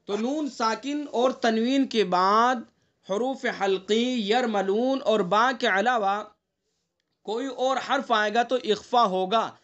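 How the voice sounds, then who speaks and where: A man's voice: very high-pitched, a bit bright, dull audio. A man teaching an online Quran recitation class, explaining rules patiently, often checking with the students and sounding out the nasal examples himself.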